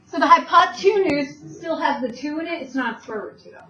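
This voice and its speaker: A woman's voice: sits high, expressive, a little fast, sharp tone. A woman teaching a math lesson, explaining step by step and answering her own questions. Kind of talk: recorded classroom math lesson. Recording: distant, dull, echoey room with faint noise.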